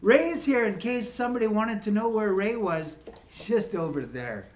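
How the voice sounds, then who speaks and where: Entertaining seniors between songs, a Canadian musician from Ontario in his fifties trades teasing banter with the crowd. He talks at a normal speed, his voice sitting high with lively intonation.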